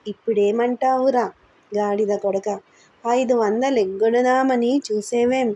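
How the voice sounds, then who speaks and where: A woman's voice: on the high side, fairly even intonation, measured pace, warm tone. A woman voicing a brutal, drunken man who barks scornful insults and orders. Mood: mocking.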